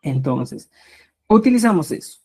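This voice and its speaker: A woman teaching a live online language class in a lowish voice. She takes her time, repeats her key points, and keeps checking in with a quick "¿ya?". Her emphasis rises on each new term she introduces. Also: very animated, warm tone, slightly rough. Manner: checks in with a constant "¿ya?"; slow, repetitive explanations with rising emphasis.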